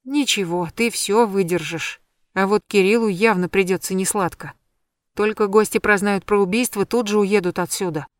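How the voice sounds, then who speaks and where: A woman's voice: medium pitch, moderate pace, no echo, lightly acted. A woman voicing a frightened young heroine who stammers and speaks agitatedly. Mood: consoling. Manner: stammering, agitated, shouting and whispering.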